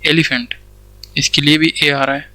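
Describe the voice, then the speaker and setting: Bright-voiced man teaching grammar. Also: on the high side, little pitch movement, moderate pace, no room sound, poor audio. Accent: Indian English. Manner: explains step by step, asks questions and answers them himself, says "theek hai" often. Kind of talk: Hindi-English classroom lecture.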